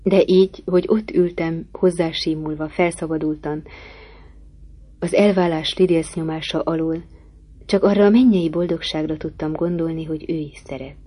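A woman's voice: sits low, fairly even intonation, mellow, breathy edge. A woman narrating a novel aloud in an earnest, heartfelt reading. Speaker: audiobook narrator.

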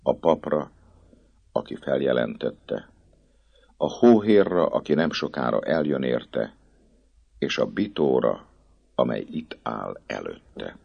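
Very deep, gravelly male narrator. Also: pauses often, highs cut off. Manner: expressive, rising and falling with the drama. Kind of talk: dramatic audiobook narration.

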